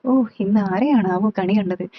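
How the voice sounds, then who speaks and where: A woman's voice: medium pitch, measured pace, lightly acted. A woman voicing a cheeky young man. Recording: slightly dull, dry recording.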